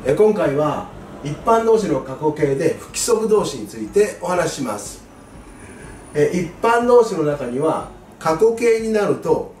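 A man tutoring exam students in English grammar, patient and clear, stressing key words with a rise in pitch. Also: darkish tone, far from the mic, slight background noise. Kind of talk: lesson explaining grammar. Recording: echoey room, voice away from mic, faint music.

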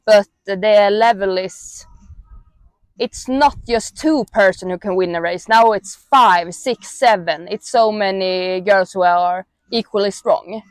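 A young woman with a Swedish accent, a native Swedish speaker, giving relaxed, halting interview answers full of fillers, outdoors on a lapel mic. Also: medium pitch, clear, resonant tone, no room sound. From Sweden. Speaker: athlete interviewee. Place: outdoors in a grassy mountain meadow.

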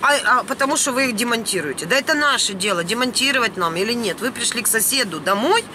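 A Ukrainian woman vlogger with a fairly high, animated voice rants fast and unscripted inside a van that may be parked or moving. She's indignant, emphatic and blunt, throwing in mild swearing. The camera sits about arm's length away, and the vehicle cabin is noisy.

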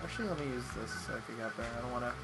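A man's voice: medium pitch, rapid-fire. A man playing through a game while chatting and reminiscing, cursing at his own mistakes. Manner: rambling, reminiscing, curses at mistakes. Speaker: let's play co-host, player. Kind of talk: casual gaming commentary. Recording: music playing behind.

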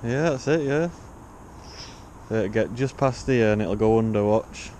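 Out on a riverbank, a young English angler talks casually and slangily to his vlog audience as he fishes, picked up by a body-worn action camera. He speaks at a measured pace in a lowish, warm voice, and a faint hiss or hum sits under the audio.

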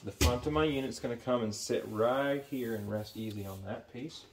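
An HVAC sheet metal tradesman demonstrates his work in a big indoor warehouse workshop, offering an unscripted how-to in short bursts as he goes. His voice sits at medium pitch and moves at a normal speed. Loud shop noise fills the recording, with metal clanking and clicking.

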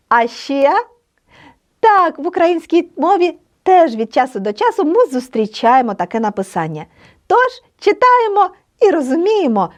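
Woman teacher for an online lesson: unhurried, patient delivery, slow careful word drills. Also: fairly high pitch. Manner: encouraging, pronounces example words slowly and carefully. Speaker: Polish language teacher.

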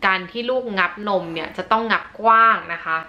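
A woman's voice: mid-range voice, fairly quick, bright, forceful tone, lo-fi sound. A woman who is a new mother vlogging in a casual, chatty and polite way, slipping English words into her talk. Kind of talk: casual chat to camera.

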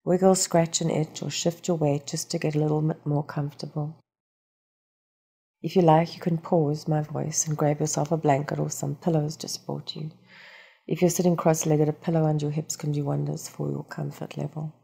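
Calm and soothing, this woman leads a guided meditation in a low, husky voice. She takes her time with each instruction.

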